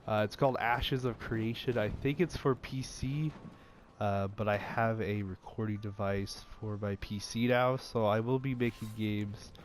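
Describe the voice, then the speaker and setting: There's a slight hiss or hum as a young gaming channel host, nose stuffy, chats about video games at an unhurried pace. His voice leans low and stays steady, and his vlog talk rambles with frequent fillers and restarts.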